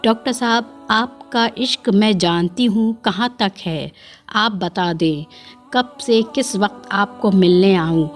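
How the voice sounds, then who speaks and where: A shy, devout young woman, as a female storyteller puts her on, speaking in a soft, self-effacing way. Her lines come slowly, with faint music running behind the reading. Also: medium pitch, lightly acted. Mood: shy, sad.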